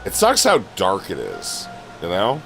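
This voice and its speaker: A man's voice: low-pitched, wildly swooping pitch, a little slow, creaky, sharp tone. A man streaming a game playthrough, reading the story text aloud with casual, sweary asides. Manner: casual asides with swearing between read lines. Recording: game music playing behind.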